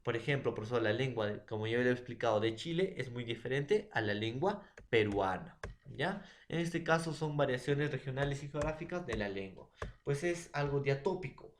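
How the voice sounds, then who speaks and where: A young man presents a lesson. His voice sits at an ordinary middle pitch. He keeps turning to the teacher and checking in with short tag questions, and the room around him echoes. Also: lively intonation, moderate pace, a little hiss or hum. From Peru. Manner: addresses a teacher often, with many fillers and tag questions. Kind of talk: classroom presentation.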